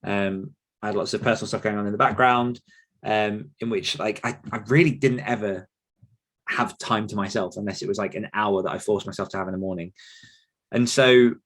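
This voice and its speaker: As a podcast guest, an author and writing coach gives reflective, explanatory answers in a conversational interview style. His voice is on the low side and a bit bright.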